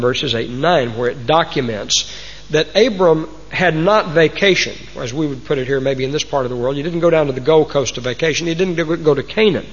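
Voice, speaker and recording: A husky, medium-pitched man with a Texan accent preaches to a congregation, folksy and homespun and fond of old sayings. The recording sounds muffled, with the reverb of a large hall.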